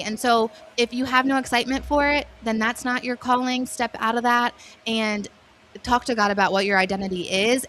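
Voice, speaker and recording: A woman's voice: fairly high pitch, bright, forceful tone, slight background noise. A woman in her thirties or forties, a wellness guest on a radio interview, talking in an earnest, faith-based coaching way.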